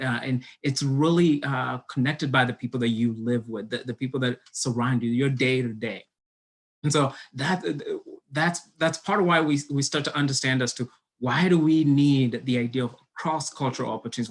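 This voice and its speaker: A young man from Kenya gives an online talk as a college admissions counselor. He speaks earnestly at a middle pitch, pausing often on "uh" and restarting his sentences as he goes. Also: slightly rough. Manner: earnest, many fillers and restarts. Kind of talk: online presentation.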